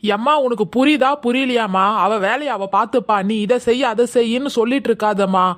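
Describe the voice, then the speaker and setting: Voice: mid-range voice, brisk, lightly acted. Someone playing a harried husband pleading for peace. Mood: exasperated. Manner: pleading and placating. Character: harried husband stuck between wife and mother. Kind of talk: comedy skit acting.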